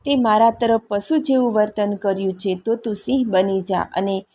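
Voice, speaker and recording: A woman's voice: medium pitch, steady tone, moderate pace, dark tone, natural voice. A woman voicing a proud young forest maiden. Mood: cursing. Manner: pleading, then cursing.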